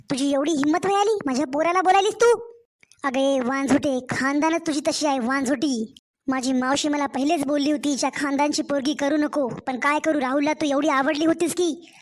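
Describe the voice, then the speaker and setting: A woman's voice: sits high, a little fast, lightly acted. A woman voicing a harsh, scolding middle-aged mother-in-law in a cartoon story. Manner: scolding, insulting.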